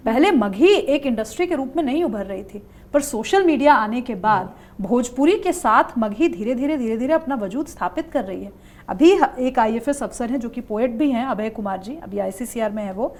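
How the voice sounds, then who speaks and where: A woman political analyst speaking thoughtfully on a panel, pausing often with fillers. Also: fairly high pitch, darkish tone. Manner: thoughtful, hesitant, with many fillers. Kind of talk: panel discussion.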